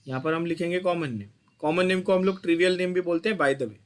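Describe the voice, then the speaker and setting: Man, high voice, chemistry teacher, online class, blunt, quizzing. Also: quick pace. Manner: mixes Hindi and English, quizzes students constantly, blunt and scolding.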